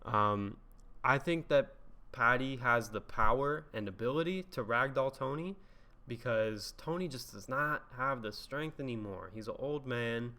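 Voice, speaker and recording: A man's voice: mid-range voice, sharp tone. A man delivering a casual commentary monologue, chatty and laughing, swearing freely. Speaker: MMA commentary YouTuber.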